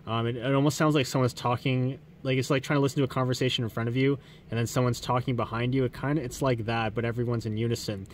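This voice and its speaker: A man's voice: mid-range voice, fairly even intonation, quick pace, few pauses, slight background noise. A man hosting a car audio channel, explaining his work step by step while he works on a car in a garage. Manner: explanatory, hands-on, addresses viewers directly. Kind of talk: casual how-to explanation.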